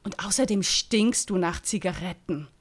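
A woman's voice: on the low side, moderate pace, slightly rough. A woman doing a fiery, indignant young actress. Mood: scornful. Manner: outraged, sharp-tongued.

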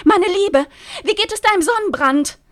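A woman voicing a chirpy, pushy, over-friendly woman while reading aloud from a novel, with shrill gushing calls. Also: animated, normal speed, no room sound, clean studio sound.

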